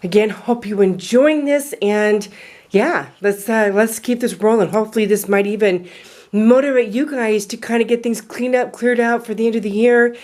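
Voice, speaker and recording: A woman's voice: a little high, normal speed, darkish tone. Chatty, rambling woman vlogger. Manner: rambling and chatty, with many fillers. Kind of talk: casual vlog talk. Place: home storage room.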